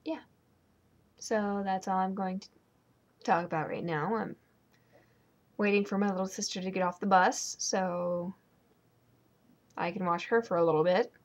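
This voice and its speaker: A woman's voice: medium pitch, fairly even intonation, measured pace, pauses often. Young adult woman, home vlogger; sarcastic, rambling, ranty casual delivery. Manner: ranting, sarcastic, rambling with many ums. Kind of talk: casual vlog chat.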